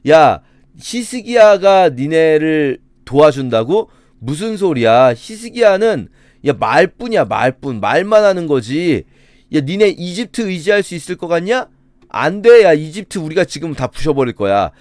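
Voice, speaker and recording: A man's voice: on the high side, lively intonation, moderate pace, a little mellow, no room sound, clean studio sound, natural voice. A man voicing an arrogant enemy general who mocks and taunts in a raised, sneering voice during a sermon. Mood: taunting. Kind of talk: sermon with acted quotes.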